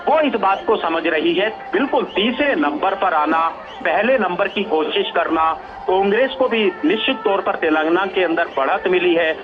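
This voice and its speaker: High-voiced male news analyst, repetitive. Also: dull audio. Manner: measured, repeats phrases for emphasis. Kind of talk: live news commentary.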